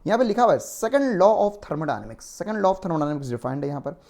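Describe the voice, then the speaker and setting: A man's voice: on the high side, sing-song, measured pace, vocal fry, a little mellow. Chatty male physics teacher explaining. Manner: conversational, explanatory, with frequent tag questions. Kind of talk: online exam-prep lecture.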